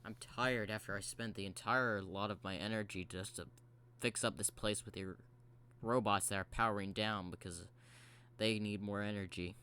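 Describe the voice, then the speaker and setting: A man's voice: on the low side, fairly even intonation, moderate pace, pushed and bright, smooth. A man voicing a tired, grumpy male robot fox who hesitates and fumbles his words. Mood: weary. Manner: sleepy, hesitant, full of filler words.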